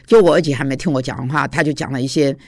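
A man's voice: mid-range voice, racing, no echo, clean studio sound. A man who teaches at a seminary and preaches, giving an informal devotional talk in a confessional storytelling way with frequent hesitations.

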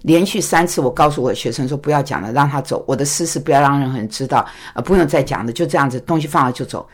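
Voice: mid-range voice, fast talker. A pastor and teacher giving a recorded talk to a congregation, telling a story with stammered restarts and acted dialogue.

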